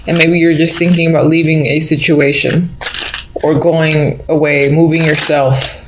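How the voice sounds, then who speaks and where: Unhurried and deep-voiced, with little movement in pitch, a woman reads tarot horoscopes off the cuff. She muses mystically and thinks aloud toward the listener, while the recording carries roomy echo, background noise, and faint clicks.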